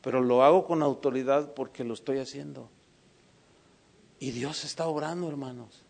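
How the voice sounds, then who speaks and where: A man preaching a sermon, telling a personal story, swinging from hushed lines to emphatic ones. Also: medium pitch, fairly even intonation, moderate pace, vocal fry.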